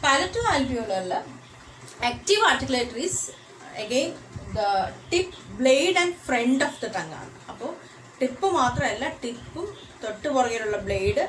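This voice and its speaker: A woman lecturer with a Malayali accent talks very slowly in a fairly high voice. She moves between English and Malayalam and restates each term with "uh" and "okay" in between. The sound is roomy and echoey, with a faint hiss underneath. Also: fairly bright tone. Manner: switches between English and Malayalam mid-sentence, repeats key terms slowly; frequent "uh" and "okay" fillers, self-corrections. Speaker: phonetics lecturer. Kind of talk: recorded lecture.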